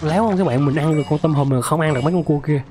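A hoarse young man with a sore throat, excitedly commenting on a mobile game he is playing, yelping and repeating words. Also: a little high, rapid-fire, faint music behind. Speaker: gaming streamer.

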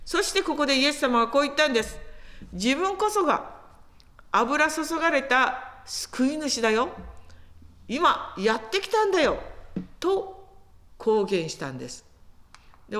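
Animated, high-voiced woman preaching. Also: measured pace. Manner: animated storytelling with acted quotes. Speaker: pastor. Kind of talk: sermon.

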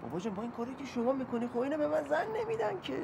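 A young actor playing a landlord's earnest, pleading son in a TV drama. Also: male voice, very high voice, sing-song, creaky, exaggerated voice. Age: young adult. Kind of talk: TV drama acting. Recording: noisy background.

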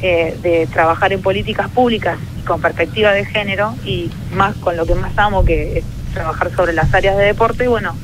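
Against a noisy background, an Argentine woman, a sociologist and field hockey player, talks in a mid-range voice at a moderate pace with hardly any pauses. Her radio interview answers, in Argentine Spanish, are earnest and thoughtful, with frequent restarts and fillers.

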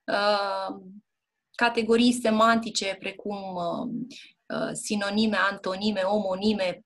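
A woman's voice: medium pitch, little pitch movement, fairly bright tone. A woman teacher giving a one-on-one exam prep lesson, explaining patiently and often checking in with her student, with hesitant fillers. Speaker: Romanian language and literature teacher. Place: indoor classroom or tutoring room.

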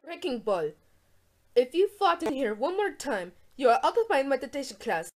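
A woman voicing grown-ups in an animated cartoon, talking in a stern, scolding manner. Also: high-pitched, normal speed, background noise. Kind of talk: animated grounded-video dialogue.

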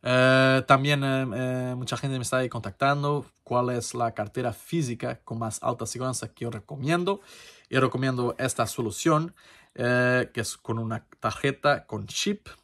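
Here a man with a fairly bright, mid-range voice talks at a moderate pace. Addressing his crypto channel's viewers on camera, he gives a laid-back tutorial in Spanish colored by his native Portuguese accent, stumbling through fillers and restarts.

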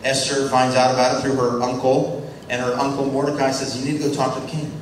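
A man giving a lecture on church mission. He questions the class and takes their short answers, and he acts out characters in quick voices as he tells stories. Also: mid-range voice, level tone. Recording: very echoey room, distant mic, faint noise.

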